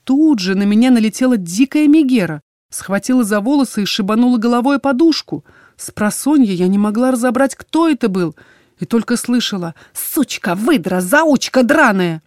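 A woman reading a first-person fantasy audiobook with expressive, dramatic storytelling. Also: fairly high pitch, fairly quick, no room sound, clean studio sound. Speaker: audiobook narrator.

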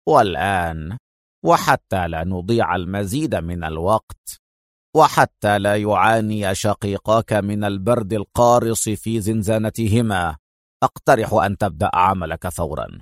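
A man voicing a cold, menacing villain in an audiobook, speaking slowly and quietly. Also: on the low side, no room sound, studio quality, pitched below the performer's own voice, natural voice. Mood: menacing calm. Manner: slow, quiet, deliberate. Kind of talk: audiobook character voice.

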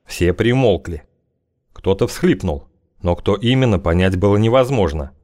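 A man narrating an audiobook in a low voice, measured and wry. He reads steadily and evenly, in a plain storytelling manner. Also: expressive, darkish tone. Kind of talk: scripted narration.

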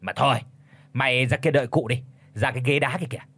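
A man's voice: mid-range voice, quick pace. A man doing a blustering, cursing old village chief. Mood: bossy. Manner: shouts curses and orders, stammers in fright.

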